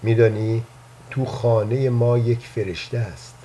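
A man voicing a gentle, playful old man who earnestly believes in angels, speaking softly and confidingly. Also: mid-range voice, steady tone, a little hiss or hum, close to an everyday voice. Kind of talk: storybook reading.

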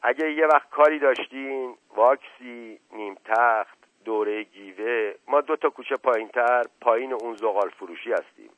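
A man's voice: mid-range voice, dry recording, lightly acted. A man voicing a streetwise working-class shoe-shiner who talks bluntly and proudly. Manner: blunt, proud, quick retorts. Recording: tinny phone-like radio sound.

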